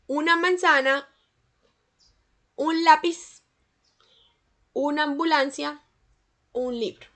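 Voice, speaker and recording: A woman teaching English grammar in a scripted lesson, slowing down to pronounce English example sentences carefully. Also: high voice, fairly even intonation, a bit bright.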